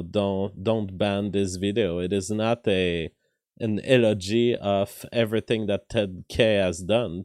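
A man with a weak voice, hosting a casual livestream commentary in halting, deliberate phrases. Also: deep voice, a little mellow, no echo, studio quality. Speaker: livestream host. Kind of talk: casual livestream commentary, reading viewer messages.

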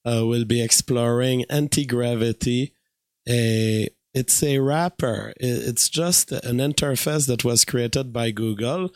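A man with a weak voice giving a casual, halting tutorial narration as he presents a screen recording. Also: mid-range voice, dry recording. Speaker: streamer and hobby game programmer.

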